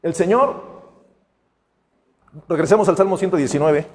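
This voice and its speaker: A man's voice: sits high, moderate pace, a little mellow. A man preaching a sermon as pastor, with a conversational style, acting out the voices of the people he quotes. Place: church sanctuary. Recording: long church hall reverb.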